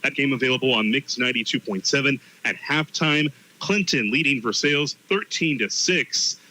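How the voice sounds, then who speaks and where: A man's voice: medium pitch, normal speed, bright, forceful tone, low-quality recording. A man co-commentating on a live sports broadcast, talking conversationally from the booth. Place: stadium press booth.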